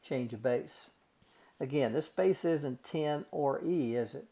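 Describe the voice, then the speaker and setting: A man teaches a recorded math lesson, working through calculations step by step in a folksy manner and calling his students "guys" and "gang." He speaks slowly in a warm, medium-pitched voice.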